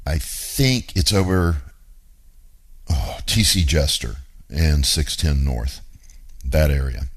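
A man's voice: rumbling low, animated, slow pace, breathy edge. A man hosting a radio show, giving a blunt, emphatic teaching monologue on real estate investing and repeating his key points.

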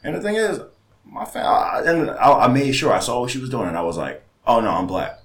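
A man co-hosting a casual chat, telling stories in an animated way and mimicking other people's voices. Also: medium pitch, a little fast.

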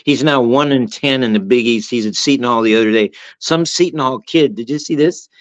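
Animated male sports storyteller. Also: fairly quick, no echo. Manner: animated storyteller, mimics coaches with raised pitch. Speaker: co-host. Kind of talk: casual sports talk.

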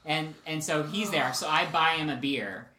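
A man's voice: fairly high pitch, normal speed, echoey room, a crowd in the background. A man hosting a podcast, telling a rambling, self-mocking story in casual chat. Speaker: podcast host.

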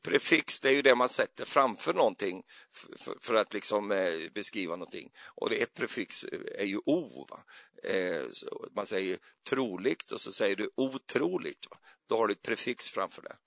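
A man's voice: fairly low pitch, lively intonation, creaky, fairly bright tone, no room sound. A man giving a loose, chatty sermon in a church, rambling and hesitant with many fillers and little jokes. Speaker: preacher. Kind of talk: conversational sermon.

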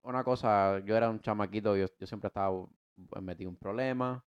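Speaking a little fast in a lowish, smooth voice, a twenty-something American co-host with a Cuban Spanish accent recounts his life on a podcast. The recording is muffled, and his relaxed telling wanders with restarts and slang.

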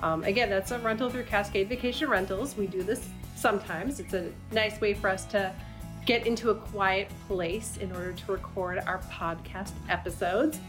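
A woman speaks as a podcast host in a casual, chatty style. Her voice sits at an average pitch for a woman. Faint music plays beneath her speech. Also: steady tone, moderate pace. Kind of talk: casual chat to listeners, co-hosted podcast. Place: quiet, slightly echoey rental townhome room.

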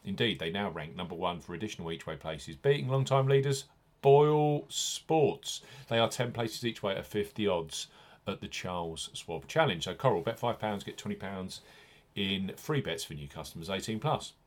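Low-pitched man reading betting promos. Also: a little fast. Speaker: podcast host. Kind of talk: scripted betting promo read.

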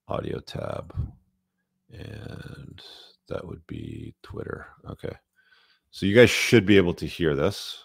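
A man's voice: extremely low pitch, gravelly. A man hosting a livestream, chatting casually and giving opinionated, informal commentary to his viewers. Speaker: livestream host.

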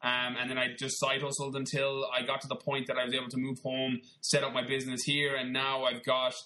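A man's voice: medium pitch, monotone, a little fast, bright, forceful tone, slight background noise, rough recording. A man with a west of Ireland accent, chatting informally as an interview guest and often rephrasing himself as he explains. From Galway, west of Ireland. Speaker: podcast guest, personal trainer. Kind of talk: conversational interview, telling own story.

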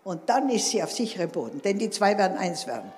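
A woman's voice: mid-range voice, sing-song, fast, darkish tone, a little hiss or hum. A woman preacher delivering an emphatic sermon, often calling for an amen from the congregation. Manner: emphatic, calls for amens. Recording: long hall reverb.

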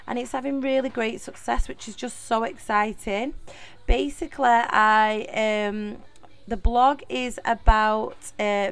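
A young woman from Manchester, England, hosts her own casual solo podcast in a Mancunian accent, chatting and rambling with plenty of fillers and restarts. Her voice is a little high, with a clean tone.

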